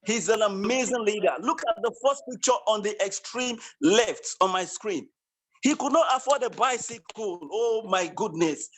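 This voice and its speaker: A man presenting at an online business launch, giving an emphatic, repetitive motivational sales pitch over a video call. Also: normal speed, fairly bright tone.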